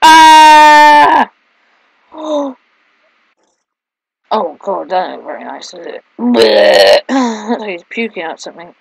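A woman doing excitable, casual let's play commentary, mixing drawn-out exclamations with quieter asides. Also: medium pitch, vocal fry, slightly rough, no room sound, low-quality recording. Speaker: gaming video host.

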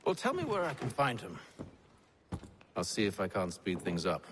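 A deep, commanding expedition leader. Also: male voice, wildly swooping pitch, normal speed, a bit bright, a little hiss or hum. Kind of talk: video game dialogue.

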